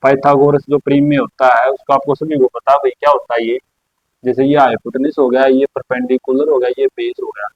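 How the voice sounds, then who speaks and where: A man teaching a maths lesson at a board, explaining slowly and repeating his own questions for the class. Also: mid-range voice, little pitch movement, dry recording. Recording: dry, slightly dull lo-fi sound.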